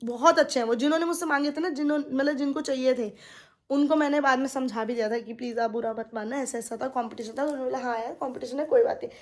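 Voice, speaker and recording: Indignant high-voiced woman venting to viewers. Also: fairly even intonation, fast. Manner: indignant, repeats herself, addresses viewers directly. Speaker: vlogger. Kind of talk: casual venting monologue to viewers.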